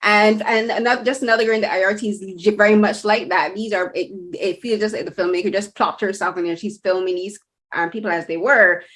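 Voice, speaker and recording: A woman from Barbados hosts a casual interview in a mid-pitched voice. She talks in a chatty, winding way, often restarting and rephrasing as she works toward her question. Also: steady tone, fairly quick, fairly bright tone. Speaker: interviewer host.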